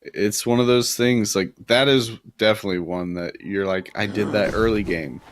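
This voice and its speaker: A man with a cold, hoarse from being sick, giving casual, joking commentary on a live game match. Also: lowish voice, normal speed, a little hiss or hum. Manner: joking, laughs often.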